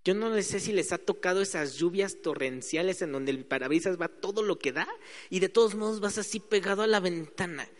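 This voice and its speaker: A man's voice: high-pitched, fairly quick. A man preaching a sermon in a conversational way, acting out quoted voices. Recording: hall reverb.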